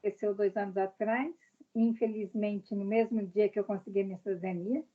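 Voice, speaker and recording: A woman's voice: medium pitch, fairly even intonation, a little fast, narrow, tinny audio. A woman from Brazil, a guest in a casual interview, speaking directly and explaining her views with examples.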